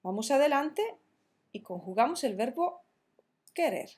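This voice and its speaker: A woman teaching verb conjugations in a slow, careful tutorial, spelling out each form deliberately. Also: sits high, very animated, darkish tone, slightly rough. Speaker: Spanish teacher.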